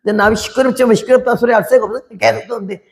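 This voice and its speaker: Gravelly-voiced woman in her eighties preaching. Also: fairly high pitch, rapid-fire. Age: 80s. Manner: animated storytelling, acting out voices. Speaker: missionary. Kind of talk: testimony sermon.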